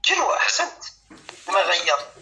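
A man teaching a grammar lesson to students, patiently repeating words slowly and stopping to check whether they understand. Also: high-pitched, huge pitch swings, background noise. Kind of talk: explanatory classroom lesson.

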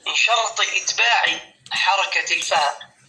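High, bright-toned male grammar teacher. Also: rough recording. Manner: patient, repeats words slowly and checks understanding with questions. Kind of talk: explanatory classroom lesson.

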